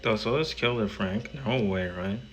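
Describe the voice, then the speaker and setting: A man streaming a game, talking casually to his chat in quick rambling bursts and restarts. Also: on the low side, a little hiss or hum. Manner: rambling, talks to chat while playing; quick bursts, trailing off mid-sentence. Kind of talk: casual gaming livestream chat.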